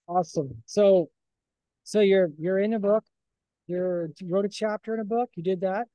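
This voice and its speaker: Friendly interview host, mid pitch, dry close sound. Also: moderate pace, no echo, muffled recording. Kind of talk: casual interview chat.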